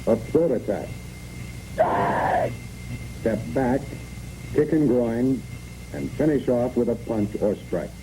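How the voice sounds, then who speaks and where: Expressive and dark, a medium-pitched American voice moves slowly with frequent pauses through scripted 1960s military instructions. As a training film narrator, he delivers clipped step-by-step imperatives over a noisy, muffled soundtrack.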